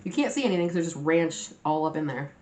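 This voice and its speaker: This low, darkish female voice moves fast and sounds animated as the mukbang host eats messily and talks casually to her audience. Her storytelling is full of slang and swearing, with quotes she performs out loud.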